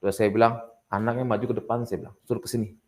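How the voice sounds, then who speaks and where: A man telling his testimony as an interview guest, growing animated when he retells his prayers. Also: fairly low pitch, racing. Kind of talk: testimony storytelling.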